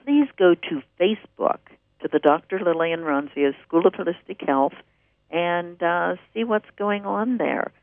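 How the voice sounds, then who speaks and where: A man's voice: high-pitched, unhurried, creaky, no room sound. A man hosting a radio show, chatting enthusiastically and rambling as he plugs classes and articles. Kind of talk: casual promotional radio talk. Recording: narrow dry phone-like radio audio.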